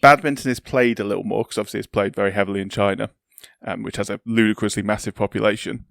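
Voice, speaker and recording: A man's voice: lowish voice, steady tone, quick pace, vocal fry, a bit bright, dry recording, clean studio sound. A man chatting casually as a podcast host. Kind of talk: casual chat.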